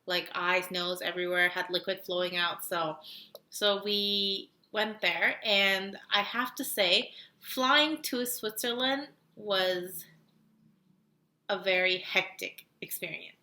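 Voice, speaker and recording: A young Korean woman co-hosts a casual podcast, telling stories in a chatty way packed with "like" fillers and frequent laughter. Her mid-range voice is bright and forceful, slow and fairly even in intonation, with a reverberant sound.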